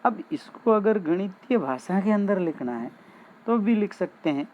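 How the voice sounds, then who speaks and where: A man's voice: sits high, animated. A male maths teacher giving a classroom lesson, talking straight to his students and explaining each step. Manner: addresses students directly, slow and explanatory. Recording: dull lo-fi sound with faint background noise.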